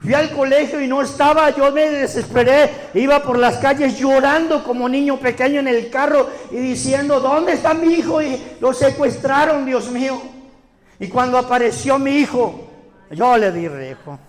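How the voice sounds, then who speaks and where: A man with a Colombian accent, a pastor telling his story in a sermon, swinging between loud outbursts and hushed passages. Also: very high voice, normal speed, long reverb tail. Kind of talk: sermon testimony.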